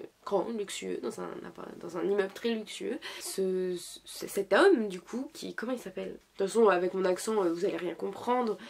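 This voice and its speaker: A woman's voice: mid-range voice, vocal fry. A young woman who is sick, chatting casually and hesitantly about shows she liked, with many fillers and restarts. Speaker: YouTuber reviewing dramas. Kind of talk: casual chat.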